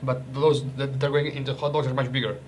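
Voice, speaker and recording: A man's voice: mid-range voice, little pitch movement, quick pace, a little hiss or hum. Joking man tasting rations. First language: Croatian. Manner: chatty, joking, restarts and hesitations. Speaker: ration reviewer. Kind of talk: casual food review vlog.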